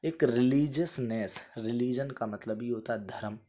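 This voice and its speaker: A man teaching vocabulary with memory tricks, playful and animated, acting out little scenes and answering for his students. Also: mid-range voice, unhurried, slight background noise.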